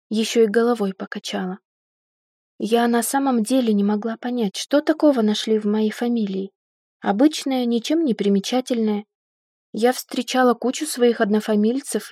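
A woman narrates an audiobook in the first person, telling the story in a lively, ironic way. Her voice is mellow and a little breathy. The recording is close and dry. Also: mid-range voice, no room sound.

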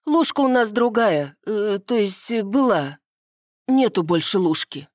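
A woman reading an audiobook, voicing a small, older peasant woman with a squeaky voice who is excitable and tearful. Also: unhurried, dry recording, studio quality, natural voice. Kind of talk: audiobook character voice.

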